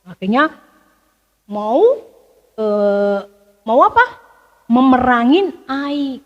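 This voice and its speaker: A woman telling a story to children, animated and full of questions for them. Her voice sits high, and she takes her time. Long hall reverb trails each phrase. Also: extremely slow, lo-fi sound.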